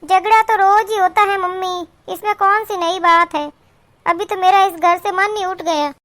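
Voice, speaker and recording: A woman's voice: very high-pitched, fairly even intonation, moderate pace, bright, forceful tone, dry recording. A woman voicing an unhappy young married woman in a cartoon, complaining emphatically about her in-laws. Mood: aggrieved. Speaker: daughter. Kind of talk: cartoon voice acting.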